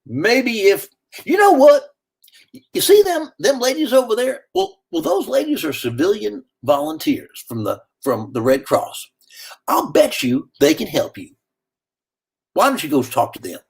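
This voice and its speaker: A man doing a brisk, curt soldier. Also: sits high, huge pitch swings, creaky, husky, voice pushed up, full character voice. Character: brisk male soldier in a jeep.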